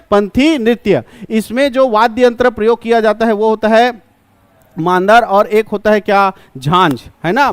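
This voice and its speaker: A man teaches an exam-prep class. He poses each question and answers it himself, repeating key terms slowly. His voice is high, smooth and resonant, and the recording is dry and close. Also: no room sound.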